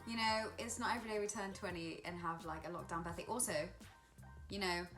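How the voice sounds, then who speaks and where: A woman's voice: mid-range voice, steady tone, a bit bright, faint music behind, rough recording. A woman of twenty co-hosting a podcast in a playful, giggly casual chat. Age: 20s. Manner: giggly, playful, quick to put on silly voices. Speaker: podcast co-host.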